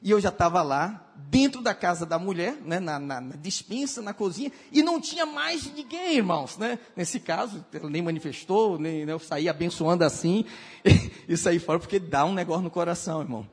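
A male pastor preaching and telling animated stories, acting out other people's voices and shouting at the climaxes. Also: sits high, normal speed, slightly rough. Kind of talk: sermon with storytelling. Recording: hall reverb.

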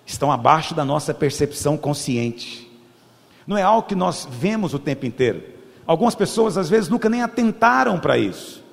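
Man, pastor, sermon, lively swinging pitch, gravelly fry, reverberant hall. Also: brisk. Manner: preaching with rising emphatic peaks.

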